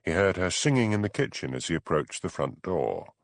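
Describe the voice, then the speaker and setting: Expressive male audiobook narrator, low voice. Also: brisk, creaky, no room sound, studio quality. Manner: expressive, dramatic. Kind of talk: scripted narration.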